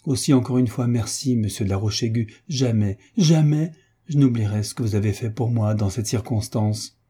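A man voicing a fervent, grateful young woman in an audiobook, speaking with emphatic warmth. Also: medium pitch, normal speed, husky, natural voice.

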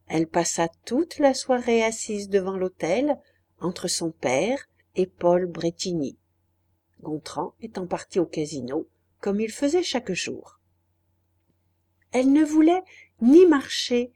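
A woman narrating a classic novel as an audiobook, measured and expressive. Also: medium pitch.

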